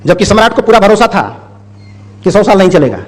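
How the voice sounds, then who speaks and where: A man's voice: sits high, sing-song, a little fast. A man speaking to an audience, telling a parable in a plain, conversational way with repeated phrases. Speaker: public speaker. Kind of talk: storytelling in a speech.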